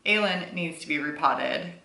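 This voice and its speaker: A woman's voice: lowish voice, moderate pace, sharp tone, echoey room. A bubbly, chatty young woman vlogging casually about her reading, with slangy asides. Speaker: book vlogger. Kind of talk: casual vlog chat. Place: home, indoors.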